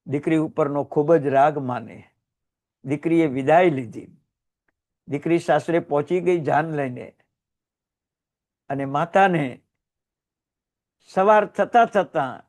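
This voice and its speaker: A man from Gujarat giving a Jain sermon, telling moving stories with sudden rises in voice and hushed, quiet drops. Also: a little high. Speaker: Jain religious teacher.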